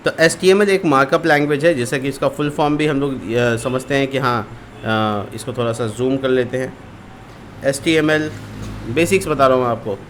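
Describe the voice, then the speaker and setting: A man's voice: medium pitch, normal speed, fairly bright tone, slight background noise. A man teaching a screen-recorded programming lesson, explaining step by step with repeated terms and frequent fillers. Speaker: coding tutor.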